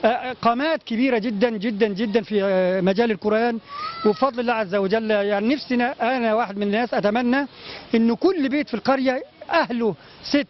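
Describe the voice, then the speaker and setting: An Egyptian man answers interview questions in a quick, halting stream full of restarts and pious phrases. His voice is high for a man. The recording is dull and lo-fi. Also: slight background noise. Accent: Egyptian Arabic. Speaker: community guest.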